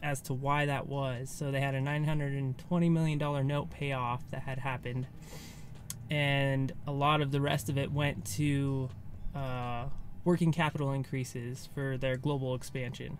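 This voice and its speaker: Sitting in a car, an American man in his thirties gives the camera a casual, improvised recap, phrasing things loosely as if thinking aloud. His mid-range voice is unhurried with little pitch movement, and faint ambient noise sits in the background.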